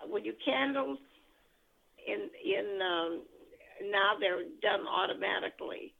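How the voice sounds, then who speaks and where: An older grandmother heard over a speakerphone line, talking slowly and haltingly as she searches for words. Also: medium pitch, creaky. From United States. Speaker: grandmother being interviewed. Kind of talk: family oral history interview. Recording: tinny phone line.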